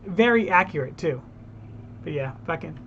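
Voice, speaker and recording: Ranting man, high voice, muffled sound. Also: expressive, normal speed, background noise. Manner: heated, ranting, talks to viewers. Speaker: reaction video host. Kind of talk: casual reaction commentary.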